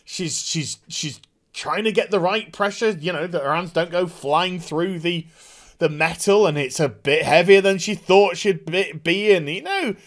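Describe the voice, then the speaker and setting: A man's voice: high voice, a little slow. A man giving a casual, swear-filled review of a TV episode and acting out the scenes as he goes. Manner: animated, swears freely, acts out scenes in put-on voices. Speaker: TV show reviewer.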